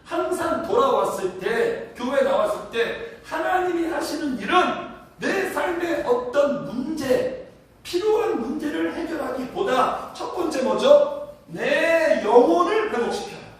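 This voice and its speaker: High-voiced preacher in an echoey church. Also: male voice, animated, a little slow. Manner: leads congregation in call-and-response reading; asks the congregation questions. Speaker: pastor. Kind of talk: sermon. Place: church sanctuary. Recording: echoey church hall from far off.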